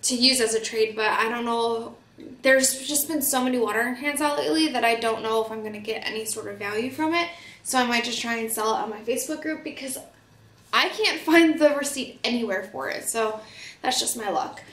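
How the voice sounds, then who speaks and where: A woman's voice: fairly high pitch, a little fast, a bit bright, reverberant. Chatty woman getting over a cold. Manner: chatty, lots of fillers. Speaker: vlogger. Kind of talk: casual haul vlog. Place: home studio.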